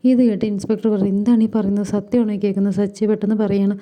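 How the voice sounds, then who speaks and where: A woman's voice: mid-range voice, little pitch movement, noisy background. A woman retelling a TV serial episode, reading the characters' lines within her story. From India. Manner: rapid storytelling, voicing characters' lines in quotes. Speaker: serial recap vlogger.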